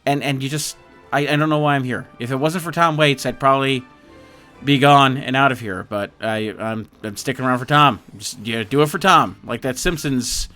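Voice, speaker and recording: A loud, grumpy sidekick, played by a man in an improvised comic bit, complaining in exasperated bursts with a bright, forceful edge to the voice. Faint game music plays behind him. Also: mid-range voice, moderate pace, natural voice.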